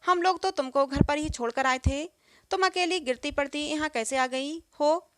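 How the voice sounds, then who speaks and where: A woman's voice: high-pitched, moderate pace, a bit bright, no room sound, clean studio sound. A woman reading an innocent young boy. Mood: pleading.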